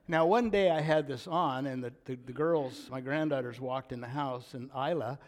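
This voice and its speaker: An older man preaching a sermon, reading scripture aloud and swinging between loud, emphatic declarations and hushed, near-whispered lines. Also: mid-range voice, normal speed. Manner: reads scripture aloud with rising intensity. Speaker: pastor.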